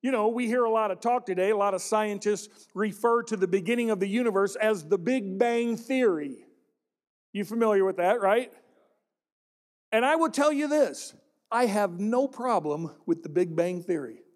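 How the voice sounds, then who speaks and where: A man's voice: sits high, moderate pace. A middle-aged man preaching a sermon, with playful joking asides to the congregation. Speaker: pastor.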